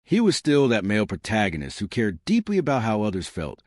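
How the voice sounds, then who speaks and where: A man narrates a first-person story in a brisk, wry manner. His voice sits low but moves widely in pitch. The sound is dry and close. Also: huge pitch swings, no room sound.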